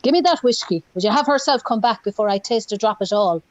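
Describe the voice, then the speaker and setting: A woman's voice: on the high side, expressive, fast, dry recording, dull audio, natural voice. A woman reading the part of a bitter old husband who is faking his death, grumbling and complaining. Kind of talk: play reading.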